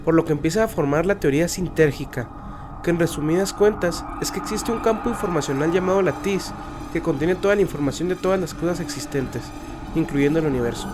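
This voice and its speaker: A man's voice: fairly high pitch, a little fast, noisy background. A man narrating a scripted horror and mystery podcast in a dramatic horror-trailer manner. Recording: music bed under the voice. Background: music.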